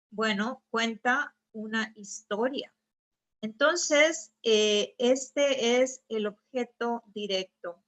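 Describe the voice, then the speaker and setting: A woman's voice: on the high side, sharp tone. A woman teaching a grammar lesson over slides. She explains patiently and keeps checking with her students. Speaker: Spanish teacher.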